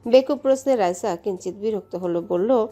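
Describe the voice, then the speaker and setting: A woman from Bangladesh narrating a romance story in a steady, measured way. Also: mid-range voice, faint music behind. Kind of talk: audiobook story reading.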